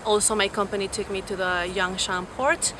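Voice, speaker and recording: A woman's voice: medium pitch, little pitch movement, moderate pace. Young Peruvian woman, outdoor noise. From Peru. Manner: fluent, with frequent fillers and restarts. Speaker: interviewee. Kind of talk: casual interview answers. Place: outdoors on a university campus. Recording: clear background noise.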